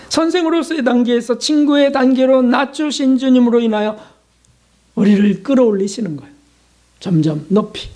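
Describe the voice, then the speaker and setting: Male pastor, sermon, mellow tone, conversational, rhetorical questions, acts out little dialogues. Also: high voice. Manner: acts out short prayers and dialogues.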